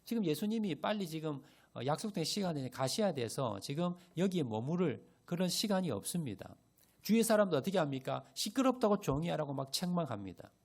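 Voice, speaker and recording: A male pastor preaching a Sunday sermon, often asking the congregation questions and answering them himself. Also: sits high. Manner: animated, rising and falling emphasis. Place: church sanctuary.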